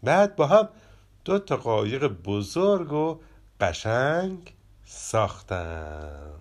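A man reading a children's story aloud in an expressive, animated manner. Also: medium pitch.

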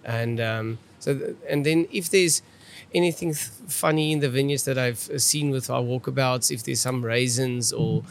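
Speaking at normal speed and medium pitch, a South African man with an Afrikaans accent answers questions conversationally. He appears as a viticulturist guest and tends to repeat words as he feels his way along.

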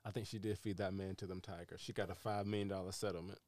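A man co-hosting a casual podcast, telling stories in an animated way. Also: deep voice, fast talker, no room sound. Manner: animated storyteller. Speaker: podcast co-host. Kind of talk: casual chat.

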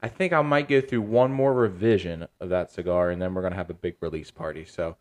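A man with a somewhat low voice runs a casual podcast chat. He rambles along in a relaxed way, full of ums and restarts, as he plugs his small cigar lounge. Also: fast talker. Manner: relaxed, rambling, filler-heavy.

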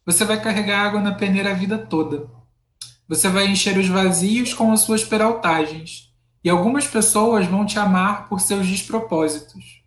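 A woman's voice: mid-range voice, moderate pace. Echoey Brazilian woman, host's voice. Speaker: interview host. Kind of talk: poetry reading, then conversational hosting. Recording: echoey, roomy sound.

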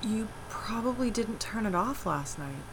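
A woman's voice: medium pitch, measured pace, background noise. An actress playing a dry-humored wife who is groggy before her coffee, in an audio drama. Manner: dry, deadpan.

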